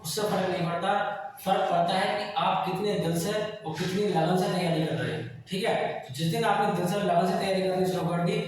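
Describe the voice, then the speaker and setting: A man's voice: high voice, a little hiss or hum. A man with a Hindi accent teaching a coaching-class math lesson, exhorting students and often checking "okay?". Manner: exhorting, keeps asking students to answer, repeats "ठीक है?". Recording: echoey classroom, far from mic.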